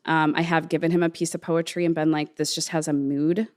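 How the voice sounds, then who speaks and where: Low-voiced woman talking casually and earnestly. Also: little pitch movement, a little fast. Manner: informal, earnest, thinking aloud. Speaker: interview guest, musician and songwriter. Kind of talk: casual reflective conversation.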